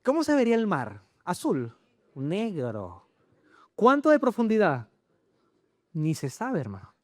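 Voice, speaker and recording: A man preaching a sermon in church, animated and full of rhetorical questions to the congregation. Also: sits high, unhurried, dry recording, studio quality. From Chile. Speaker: pastor.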